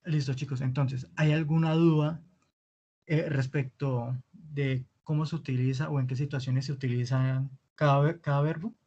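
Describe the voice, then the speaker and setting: A man teaching an online language lesson, patiently repeating words slowly for his students. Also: medium pitch, steady tone, mellow, lo-fi sound. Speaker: Spanish teacher.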